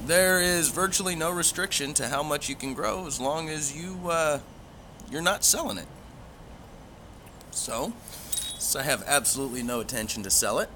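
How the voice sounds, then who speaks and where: A man with a bright, forward voice chats casually as if to online regulars. He rambles along in an easygoing, folksy way. There is some faint background noise behind him. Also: mid-range voice. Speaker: pipe hobby vlogger. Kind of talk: casual livestream chat.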